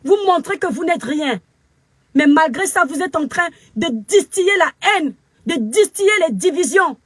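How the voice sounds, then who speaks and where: A woman's voice: sits high, animated, normal speed, dry recording. A Cameroonian woman with a Cameroonian French accent, ranting angrily into her phone camera as a social media commentator, scolding and preachy with emphatic repetition. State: very upset. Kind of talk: angry live video rant.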